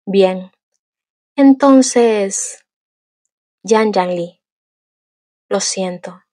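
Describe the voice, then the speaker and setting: A touchy young nobleman of an audiobook romance, curt and icy, his pride easily wounded, as a woman reads him. The voice is faintly husky and breathy, close and dry with no room sound. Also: medium pitch, drawn-out words, warm tone, no room sound. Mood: cold. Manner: cold and curt, easily offended. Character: proud, short-tempered young male cultivator heir.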